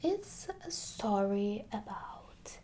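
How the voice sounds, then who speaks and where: A woman speaks softly in an ASMR roleplay as a clerk at a video game shop, sometimes dropping to a whisper, her delivery hesitant and halting. Her voice sits in the mid-range and she's very animated.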